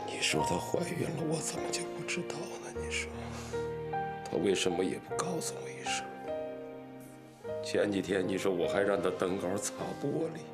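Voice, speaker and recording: An actor playing an older man, an anxious father who longs for grandchildren, lamenting and sometimes shouting. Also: sits low, sing-song, moderate pace, over loud music. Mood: grieving. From Northeast China. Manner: lamenting, bursts into angry shouting.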